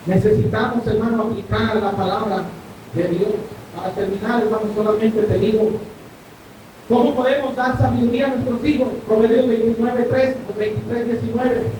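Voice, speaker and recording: A male pastor preaches a sermon in a church hall, often asking the congregation whether they follow. His voice is mellow and steady at a normal speed. The mic is distant, and the echoey room carries a faint rumble.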